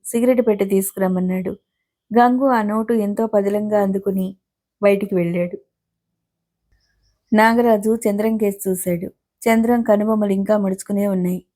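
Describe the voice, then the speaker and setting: A woman narrating a serialized novel aloud, gently voicing the characters' speech in an even storytelling manner. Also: medium pitch. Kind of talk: audiobook novel reading.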